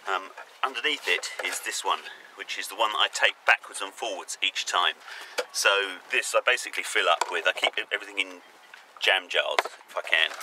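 A middle-aged man with a very deep voice walks through his homemade boat gear in a relaxed, halting way, full of ums and restarts. He is outdoors on a moored sailboat, filmed on a camera mic. Loud noise from the surroundings runs behind him. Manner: hesitant, many ums and restarts. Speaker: sailing vlogger. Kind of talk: casual show-and-tell.

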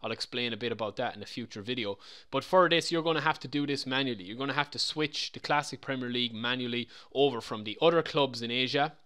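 Brief: casual male tutorial presenter, mid-pitch, loose and repetitive delivery. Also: fast talker, sharp tone, clear, resonant tone. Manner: chatty, loose, repeats himself. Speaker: game modding tutorial presenter. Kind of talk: casual screen-recorded tutorial.

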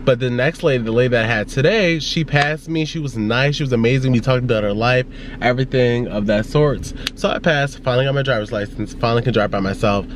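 A young man with a medium-pitched voice talks quickly in a casual vlog, first in his car and then at home. He rambles through stories for his viewers, full of "like" and side remarks, over a slight hiss or hum.

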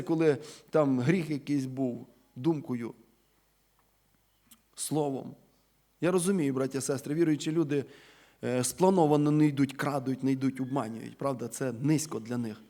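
A Ukrainian man with a somewhat high voice preaches a sermon in church at a moderate pace, calling his listeners brothers and sisters. He is emphatic, poses rhetorical questions, and swings between loud stresses on key words and quiet endings where his sentences fall away.

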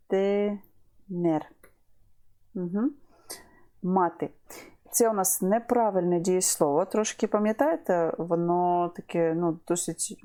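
Female language tutor, unhurried and warm, patient drill of verb forms. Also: fairly low pitch. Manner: slow and patient, repeats each verb form. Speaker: language teacher. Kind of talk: online Spanish lesson.

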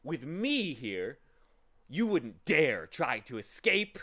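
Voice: mid-range voice, big pitch swings, slow, fairly bright tone, exaggerated voice. A narrator voicing a small furry demon from a storybook, theatrical and insincere in manner. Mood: boastful menace. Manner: theatrical, boastful listing, turning to sobbing. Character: small furry demon of insincerity, boastful, gleeful, then whimpering.

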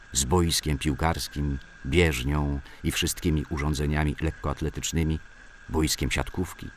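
A man with an extremely low, creaky voice reads scripted memoirs as a documentary narrator, recalling his days at a sports club. There's slight background noise.

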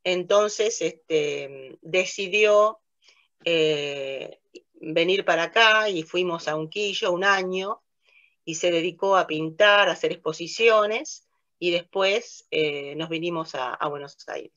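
In a relaxed interview, an older Italian woman who narrates and directs theatre recalls memories slowly in a lowish, fairly bright voice, hesitating with plenty of fillers and restarts and laughing often. The sound is lo-fi, captured by a facing webcam on a video call in a small room with a plain light wall.

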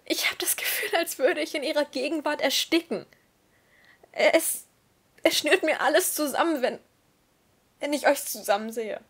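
A woman's voice: a little high, animated, husky, full character voice. A woman reading the lines of an anxious, guilty teenage boy who stammers near tears. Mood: tearful. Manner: halting, stammering, emotional.

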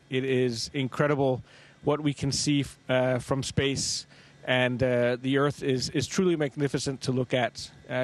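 A middle-aged man, an astronaut commander, giving a reflective interview answer in a measured, halting way with long pauses. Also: mid-range voice. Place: inside a space station module. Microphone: handheld microphone.

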